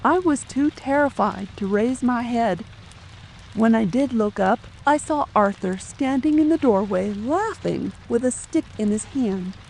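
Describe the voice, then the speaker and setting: A woman performs a dramatic audiobook role as a fearful, distressed middle-aged widow and protective mother, using formal, old-fashioned phrasing. Her voice is slightly high, animated, gravelly and darkish, at a measured pace, sounding anxious and sorrowful. The low-quality recording has slight hiss or hum and faint rain ambience.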